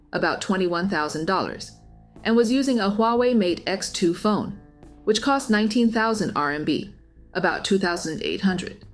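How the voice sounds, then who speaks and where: Female documentary narrator, scripted news-story delivery, medium pitch, light music bed underneath.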